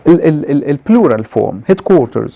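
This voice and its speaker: A man with an Egyptian Arabic accent teaching English translation, reading English examples slowly and explaining fast in colloquial Arabic. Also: fairly high pitch, sing-song, vocal fry. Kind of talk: university lecture mixing Arabic and English. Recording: dull lo-fi recording.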